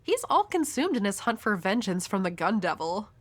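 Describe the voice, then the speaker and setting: A woman's voice: mid-range voice, very animated, normal speed. Himeno, a woman playing a flirty, world-weary devil hunter. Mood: wistful, resigned. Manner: teasing, coy, breathy at times. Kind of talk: intimate audio roleplay addressed to the listener.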